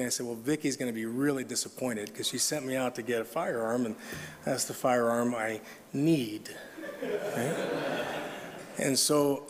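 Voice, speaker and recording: A man's voice: mid-range voice, slight background noise. A middle-aged man preaching at a conference, telling stories with humor and reading scripture. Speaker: conference speaker. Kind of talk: sermon. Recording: long hall reverb.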